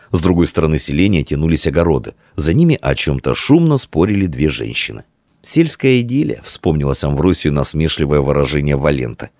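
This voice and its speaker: A man narrating a story as an audiobook in a measured, expressive way. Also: rumbling low, no room sound, clean studio sound.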